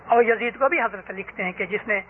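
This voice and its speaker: A man preaching a sermon, telling stories and rising emphatically on his key points. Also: high voice. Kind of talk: religious sermon. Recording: tinny phone-like lo-fi recording with faint hiss.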